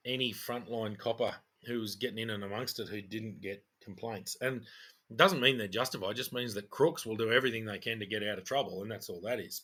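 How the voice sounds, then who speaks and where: A man's voice: mid-range voice, fairly bright tone. A middle-aged Australian man co-hosting a podcast in casual chat, with a blokey working-man manner full of slang. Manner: laid-back, blokey Aussie working-man talk with slang. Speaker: podcast co-host.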